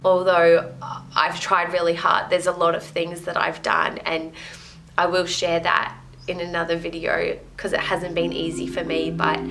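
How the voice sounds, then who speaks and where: A woman's voice: lowish voice, monotone, measured pace, fairly bright tone, slight background noise, poor audio. A young woman chatting in a rambling, emotional way in a casual home vlog from her living room. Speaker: vlogger.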